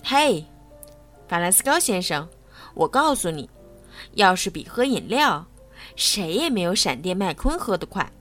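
A woman's voice: lowish voice, very animated, unhurried, long pauses, a bit bright, faint music behind, voice pushed down. A woman voicing an eager, cocky male tow truck who brags for his friend. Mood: boastful. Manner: eager and defiant.

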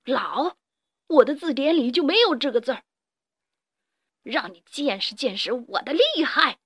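A woman puts on a bullying old field-mouse boss who brags and threatens, his voice high and jumping all over, recorded close and dry with no room sound. storybook villain. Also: lively intonation, a little slow, fairly bright tone, dry recording, exaggerated voice. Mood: taunting. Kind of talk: storybook character voice.

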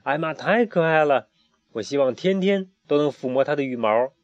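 A man voicing an eager, cheerful young male duck who repeats words in an excited rush, on a muffled recording. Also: a little high, normal speed, no echo, natural voice.

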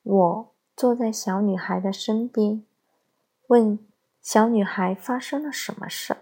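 A woman giving calm, measured scripted narration of a parenting essay. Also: mid-range voice, breathy edge. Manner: slow, measured, calm storytelling.

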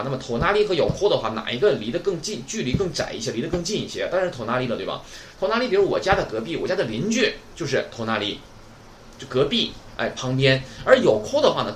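A Japanese teacher with a voice on the high side runs an online class, with slight background noise audible. He's chatty and keeps checking with the class by asking "right?"

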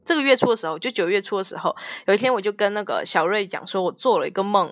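A woman's voice: medium pitch, very fast, no echo, studio quality. A young woman co-hosting a podcast, chatting and teasing her co-host casually. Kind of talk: casual chat.

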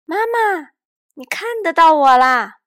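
A woman voicing a small, lonely invisible boy in a storybook reading, calling out high and loud. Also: expressive, slow, no room sound, studio quality, heavily acted. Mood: surprised eager.

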